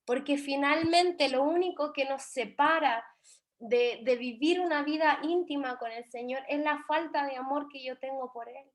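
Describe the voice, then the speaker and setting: A woman's voice: high-pitched, moderate pace. A young woman with a Chilean Spanish accent teaching an online Bible class, speaking earnestly and emotionally, often restarting her sentences.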